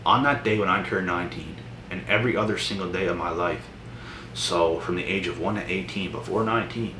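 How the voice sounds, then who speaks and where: Young male motivational vlogger, very low voice, blunt and preachy, distant echoey room with noise. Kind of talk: motivational monologue to camera.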